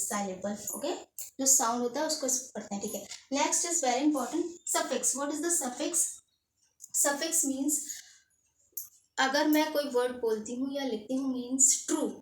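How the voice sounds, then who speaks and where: A woman teaching an English grammar lesson in Hindi and English, explaining step by step and checking in with "okay". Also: sits high. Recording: echoey room, distant mic, faint noise.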